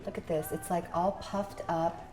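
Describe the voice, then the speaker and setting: A woman with a fairly low voice chats casually while she tastes food, easygoing and a little wry. Soft music plays quietly behind her. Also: fairly even intonation, moderate pace. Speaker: guest taster. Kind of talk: casual chat.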